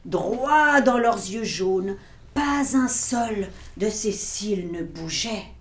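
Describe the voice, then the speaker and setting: Woman reading a kids picture book, slow and playful, echoey room. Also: mid-range voice. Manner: animated, with playful asides to listeners. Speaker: storyteller. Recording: echoey room, faint noise.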